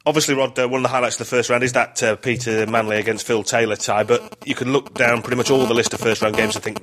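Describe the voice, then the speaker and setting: A man's voice: medium pitch, a bit bright. A man with a British accent presenting a sports podcast and interviewing a guest.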